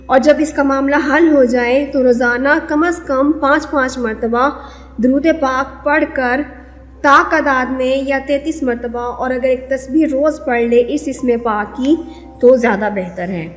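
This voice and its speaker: Woman, high pitch, measured didactic religious teaching, reverberant recording. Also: faint music behind. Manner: measured, didactic, repeats prayer counts. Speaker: Islamic devotional speaker. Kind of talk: religious instruction on prayers and litanies. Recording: long reverberant echo.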